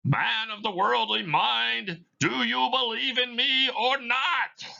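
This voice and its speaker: A man voicing the mournful, solemn ghost of a dead businessman in a play reading, with wailing, drawn-out words. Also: extremely high pitch, steady tone, gravelly, sharp tone, highs cut off, voice pushed up, full character voice. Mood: solemn, foreboding.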